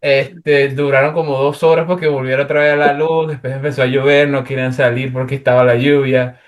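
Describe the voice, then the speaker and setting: A man's voice: mid-range voice, little pitch movement, fairly quick, dull audio. A young man from Venezuela, casually and animatedly telling a travel story as a guest, with plenty of fillers.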